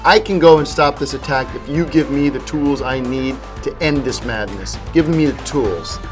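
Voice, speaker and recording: A man playing a shouting action-hero agent. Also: medium pitch, normal speed, music in the background, close to an everyday voice. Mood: urgent. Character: tough male action-hero agent, urgent.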